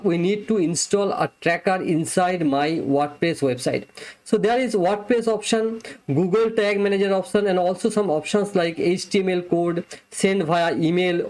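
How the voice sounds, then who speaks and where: Young man walking through a software demo. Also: sits high. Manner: plain step-by-step explaining. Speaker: software reviewer. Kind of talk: screen-recorded software demo. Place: small indoor room, webcam overlay.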